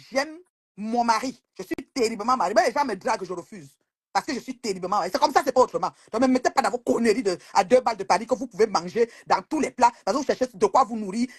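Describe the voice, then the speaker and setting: A woman's voice: on the high side, quick pace, slightly rough, dry recording, clean studio sound. A woman hosting a heated live-stream chat, blunt and scolding as she insists on her point.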